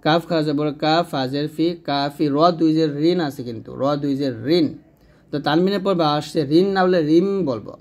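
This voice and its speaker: A man with a Bangladeshi Bengali accent giving a step-by-step tajweed lesson, spelling out letters and drilling each syllable slowly. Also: a little high, darkish tone. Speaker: Quran recitation teacher.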